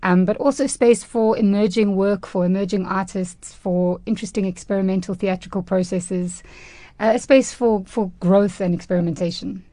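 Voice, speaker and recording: A woman's voice: mid-range voice, steady tone, normal speed, dark tone, no echo. A woman from South Africa who runs a theatre training space, speaking thoughtfully as a radio guest.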